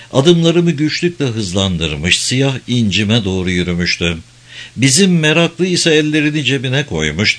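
A man narrating an audiobook in a measured storytelling manner. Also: lowish voice, a bit bright.

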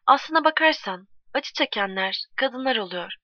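A woman's voice: fairly high pitch, lively intonation, moderate pace, sharp tone, dry recording. A woman voicing a kindly, patient male barkeeper who talks in a soothing, coaxing way, in a dull, dry recording.

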